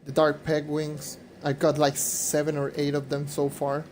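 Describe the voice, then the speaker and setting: Slightly hoarse young man streaming a game. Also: on the high side, completely flat delivery, measured pace, darkish tone, soft background music. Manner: rambling, repeats himself, talks to chat. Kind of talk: casual live-stream chat while gaming.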